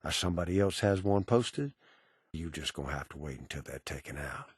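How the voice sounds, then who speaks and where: An actor playing a cynical, menacing ghoul bounty broker in a video game, with an American Southern accent and a sardonic drawl full of cowboy slang. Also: male voice, very deep voice, animated, a little fast, husky, dry recording, studio quality, heavily acted. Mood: matter-of-fact. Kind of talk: video game character dialogue.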